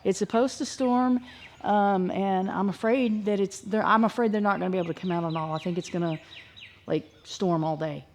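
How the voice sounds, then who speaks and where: A woman's voice: medium pitch, moderate pace, a little mellow. A woman with a chats casually and folksily outdoors, meandering as she thinks aloud in a homestead vlog. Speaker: homesteading vlogger. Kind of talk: casual rambling vlog chat. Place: outdoors on a farm.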